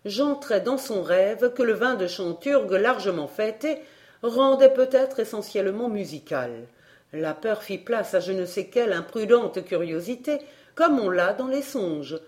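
Slow, measured woman storyteller. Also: mid-range voice, expressive, a little mellow. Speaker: audiobook narrator. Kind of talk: audiobook reading of a classic tale.

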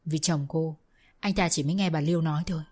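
A woman host narrating a serialized drama story in a formal, even storytelling manner. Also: low-pitched, fast talker. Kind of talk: scripted audiobook narration.

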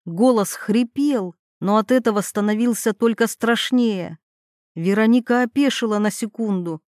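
A woman's voice: on the high side, moderate pace, darkish tone, no room sound, clean studio sound. A woman narrating a dramatic story as an audiobook reader.

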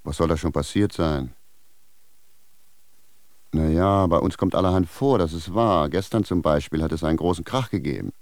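An actor playing a confused, blunt village shoemaker who speaks plainly and indignantly in a radio drama. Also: male voice, sits low, moderate pace, pauses often, darkish tone, no echo, clean studio sound. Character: bewildered male village shoemaker, blunt, stubborn.

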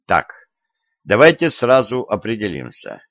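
A man's voice: lowish voice, wildly swooping pitch, a little slow, a bit bright, no room sound, exaggerated voice. A man voicing a curt, sardonic young prisoner. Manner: curt, weary, self-assured. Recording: dull, dry lo-fi recording.

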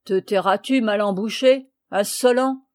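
Gruff loyal peasant man, blunt and mocking, storybook reading, voiced by a woman. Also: mid-range voice, measured pace, a little mellow, no echo, clean studio sound, close to an everyday voice.

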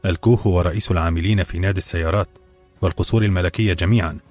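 A man voicing a calm older male mentor giving earnest, measured advice in a storybook reading. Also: low voice, faint music behind.

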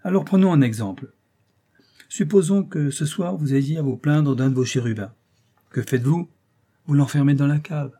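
A man reading an audiobook, voicing a mild-mannered but sly elderly bailiff's clerk who speaks gently and insinuatingly. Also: on the high side, normal speed, voice pushed up. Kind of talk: audiobook character voice.

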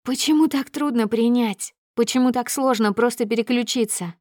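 A woman's voice: a little high, normal speed, a little mellow, no echo, clean studio sound. A woman reading a first-person audiobook in an emotional, confessional way. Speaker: audiobook narrator.

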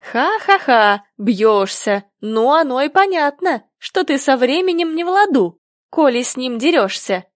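A woman's voice: sits high, sing-song, a little slow, dry recording, clean studio sound. A woman reading the lines of a cheeky know-it-all boy in a storybook, teasing and mocking.

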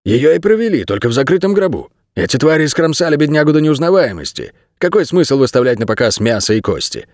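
A man's voice: a little high, very animated, fast, hardly any pauses, darkish tone, dry recording, studio quality, voice pushed up. A man voicing a weary, blunt male guard dog, speaking curtly in a raised voice. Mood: insistent.

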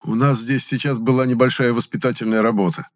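A man's voice: mid-range voice, steady tone, fairly quick, voice pushed up, natural voice. A man voicing a strict, fussy older male pharmacist who barks curt orders. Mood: fawning. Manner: barking, curt.

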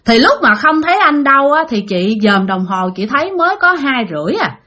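A woman with a Southern Vietnamese accent narrates a ghost story, chatty and talking right to her audience. Her voice sits high and swings widely up and down as she tells it. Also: sing-song, brisk, sharp tone. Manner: chatty, addresses listeners directly.

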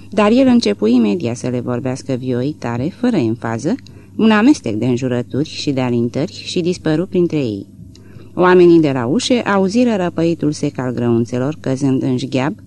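A man narrating a novel as an audiobook, expressive and rising and falling with the action, on a close studio mic. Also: a little high, a little hiss or hum. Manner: expressive, rises and falls with the action. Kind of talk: scripted literary narration.

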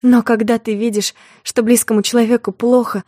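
A woman narrating a dramatic first-person story in a soft, low, intimate way, as an audiobook reader. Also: flat delivery, fairly quick, no room sound, clean studio sound.

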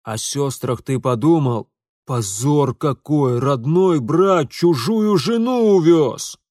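A man's voice: a little high, expressive, slow, darkish tone, dry recording, clean studio sound. A man doing a bellowing, enraged portly father. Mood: furious. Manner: bellowing, furious and blustering. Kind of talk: audiobook character voice.

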